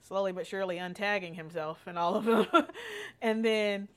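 A woman's voice: mid-range voice, animated, moderate pace, a bit bright. A middle-aged woman hosting a podcast, telling candid personal stories in casual chat, laughing often and swearing freely. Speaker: podcast host.

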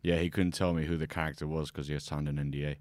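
A man's voice: a bass voice, level tone, racing, a little mellow, dry recording. A man guesting on a podcast as a digital artist, easygoing and agreeable, talking casually about his work. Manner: easygoing, agreeable, lots of short yeahs. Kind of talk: casual chat.

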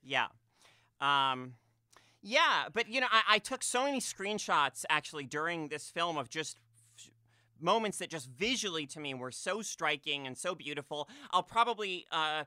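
A man with a very bright, crisp voice, talking casually about a movie. He is animated and full of fillers and restarts, and his voice is recorded dry, with no room sound. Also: on the high side, normal speed, no echo. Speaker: podcast co-host. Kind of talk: casual film discussion.

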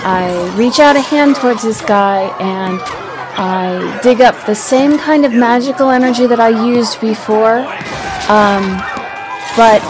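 A woman playing a tabletop game, describing her character's actions thoughtfully with hesitations. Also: a little high. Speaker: player. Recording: crowd chatter and noise behind.

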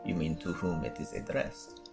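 Guy doing a prim tabby cat adventurer for tabletop, hesitant, low voice, faint music. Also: lively intonation, normal speed. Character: earnest, grammar-stickler tabby cat-man adventurer. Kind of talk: tabletop role-play.

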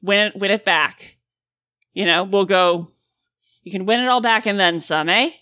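Woman playing a slippery, bright-voiced street con man. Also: medium pitch, normal speed, dry recording, studio quality, lightly acted. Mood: coaxing. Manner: repetitive coaxing patter. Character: smooth-talking male street con artist, slippery, coaxing.

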